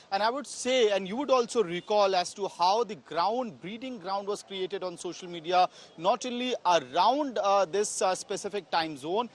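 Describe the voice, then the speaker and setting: A man with an Indian accent giving a live on-location news report as a field reporter, emphatic, wordy and halting in delivery. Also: sits high, fairly bright tone. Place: outdoors in a town, near a temple. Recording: street noise, outdoor traffic ambience.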